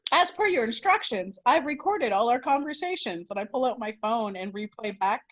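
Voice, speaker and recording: A woman's voice: on the high side, expressive, moderate pace, a bit bright, dull audio. A woman playing her character at a tabletop game, cheerful and chatty. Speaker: player voicing Bruce.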